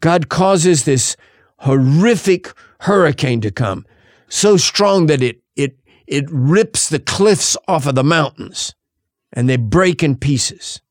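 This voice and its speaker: A male pastor preaching a sermon, shifting dramatically between loud and hushed delivery. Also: a little high, animated, slow pace, no room sound, studio quality.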